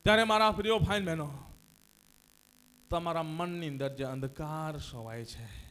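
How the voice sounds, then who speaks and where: A man preaching a sermon as pastor, leading the congregation in call and response, swinging between hushed passages and loud shouted cries of hallelujah. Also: a little high, normal speed. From India. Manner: repeats phrases and cries hallelujah.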